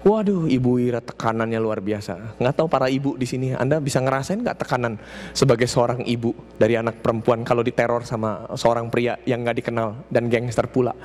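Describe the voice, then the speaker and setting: A man's voice: medium pitch, fairly quick. A male preacher tells a story in a sermon to a church congregation. He keeps addressing them as brothers and sisters. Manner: animated storytelling with acted quotes. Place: church service.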